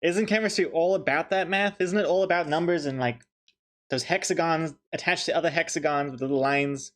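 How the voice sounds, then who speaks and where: A young New Zealand man streams while drawing, chatting casually, cracking jokes and thanking viewers as he goes. His voice is on the high side, fairly quick and a bit bright.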